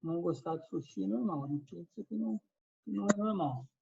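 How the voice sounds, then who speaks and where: In this recorded review lesson, a Portuguese-speaking man teaching English goes through the material step by step and calls on students by name to check in. He talks briskly in a high, gravelly yet mellow voice that carries a breathy edge, captured with lo-fi quality.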